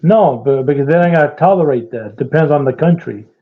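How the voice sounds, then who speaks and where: A man's voice: on the high side, lively intonation, a little fast. Hesitant man on a tinny call line. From Iraq. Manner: hesitant, restarts and hedges. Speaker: caller. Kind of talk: casual call-in debate.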